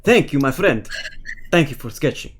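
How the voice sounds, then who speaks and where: A game master voicing an effusive, excitable sketch artist who gushes and exclaims in a tabletop game. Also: medium pitch, normal speed, slightly rough. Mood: gushing. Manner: exclaiming, gushing.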